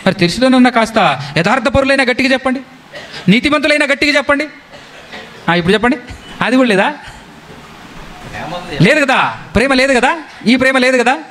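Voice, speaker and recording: Man, very high voice, preaching a sermon, questions the congregation, repeats key phrases. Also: lively intonation, a bit bright. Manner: slows down and draws out scripture quotes.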